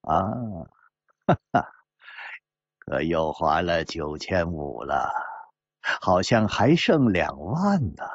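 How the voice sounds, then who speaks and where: A man's voice: wildly swooping pitch, slow pace, slightly rough, dry recording, dull audio, exaggerated voice. A man doing a sly muttering gambler. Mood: sly, grudging. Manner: low, muttering, hesitant. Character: sly, grudging male gambler with a small mustache.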